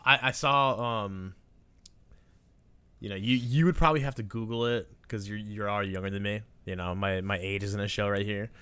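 Young man, lowish clear voice, casual film podcast, slangy, dry sound. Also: fairly even intonation, moderate pace, bright, forceful tone, no echo. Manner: informal, swearing, slangy. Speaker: podcast co-host.

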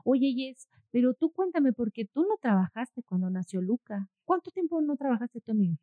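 A woman's voice: fairly high pitch, moderate pace, no room sound. A woman, a mother telling a story in casual conversation, acting out what people said. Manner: animated storyteller, acts out quotes. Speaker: co-host, mother. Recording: dry, phone-like audio.

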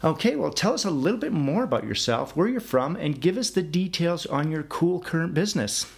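A man's voice: fairly high pitch, expressive, a little fast, gravelly, slightly rough. Man hosting a podcast interview. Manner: read-aloud, formal introductions. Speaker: podcast host. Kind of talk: interview hosting with scripted intro.

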